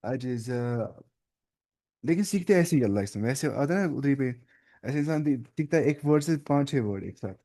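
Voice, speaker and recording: A man's voice: mid-range voice, expressive, a little fast, warm tone. A man with an Urdu-speaking accent teaching an online Arabic lesson, thinking aloud, looking up words and correcting himself as he goes.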